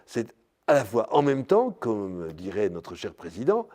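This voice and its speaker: An older man, a priest, giving a spiritual lecture in a slow, searching way, full of pauses and filler words like "hein" and "euh". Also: on the low side, wildly swooping pitch, a little mellow. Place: parish hall or church.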